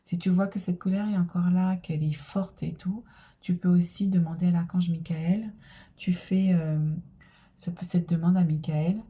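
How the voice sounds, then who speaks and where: A woman reading tarot cards, talking gently and informally to the viewer with frequent hesitations. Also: fairly low pitch, fairly even intonation, normal speed, slightly rough. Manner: gentle, addresses the listener familiarly, many fillers. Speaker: tarot card reader. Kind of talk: spoken tarot guidance.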